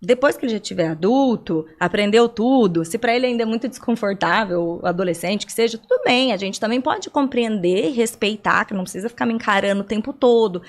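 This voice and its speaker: A woman's voice: mid-range voice, brisk, hardly any pauses. A young adult woman from Brazil, a guest on a podcast interview, explaining things at length with rhetorical questions and everyday examples.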